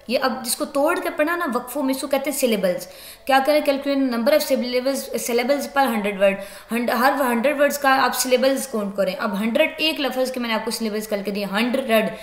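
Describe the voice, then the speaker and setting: A woman teacher explaining a lecture step by step. She reads English lines slowly and then explains them in Urdu-Hindi. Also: fairly high pitch, reverberant.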